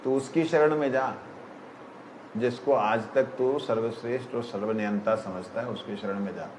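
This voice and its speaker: A man giving a spiritual discourse on scripture, explaining verses slowly and often checking whether his listeners have understood. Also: mid-range voice, steady tone, darkish tone, roomy sound, slight background noise, poor audio. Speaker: spiritual teacher.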